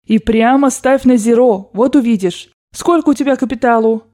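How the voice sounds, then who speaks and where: A woman's voice: a little high, moderate pace, close to an everyday voice. A woman voicing a bossy old grandmother. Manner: commanding, brusque and loud. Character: imperious rich old grandmother, bossy and blunt. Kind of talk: audiobook character voice.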